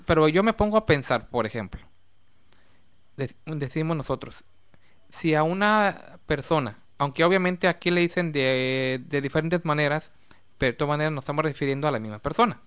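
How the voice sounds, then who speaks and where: A man's voice: fairly high pitch, brisk, fairly bright tone, clean tone. A man co-hosting a religious talk program, explaining at length with long lists and rhetorical questions. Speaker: co-host of a religious discussion program. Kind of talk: casual religious discussion.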